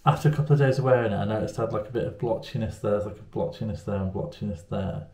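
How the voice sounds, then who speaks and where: Talking very fast in a lowish, darkish voice, this man vlogs casually to a camera held at arm's length in a small room at home. His chat is rambling and self-mocking, and the sound has a roomy echo.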